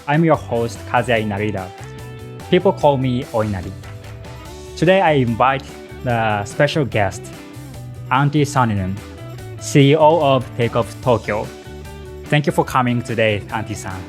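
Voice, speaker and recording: A man whose first language is Japanese, hosting an interview politely in halting English with frequent restarts. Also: mid-range voice, expressive, faint music behind. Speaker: podcast host.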